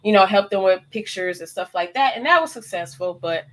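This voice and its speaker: A woman's voice: medium pitch, animated, a little fast. A woman in her thirties, a guest in a casual chat, talking easily with frequent fillers and laughs. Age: 30s. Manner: chatty, laughs often, uses lots of fillers.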